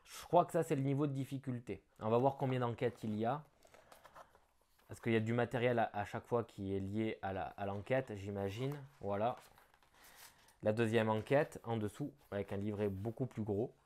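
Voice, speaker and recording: A man doing casual unboxing commentary on a gift. He thinks aloud, talks chattily and breaks into bursts of excitement. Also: lowish voice, moderate pace. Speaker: board game unboxing vlogger.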